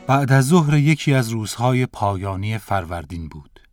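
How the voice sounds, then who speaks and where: A man's voice: fairly low pitch, expressive, no echo, clean studio sound, faint music behind. Man reading a school lesson aloud. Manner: measured, careful reading aloud. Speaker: narrator reading a textbook lesson. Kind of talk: scripted storybook narration.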